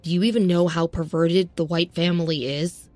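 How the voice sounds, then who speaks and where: A woman's voice: lowish voice, fairly even intonation, normal speed, a little mellow, no echo, soft background music, natural voice. A woman voicing a brash young man who teases bluntly, in an audiobook-style story reading. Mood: mocking.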